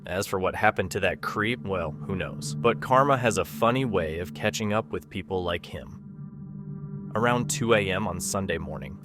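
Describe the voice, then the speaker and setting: A man reading scripted video narration in a conversational, disapproving way with rhetorical asides. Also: low voice. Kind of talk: scripted narration of caught-on-camera clips. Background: prominent music bed.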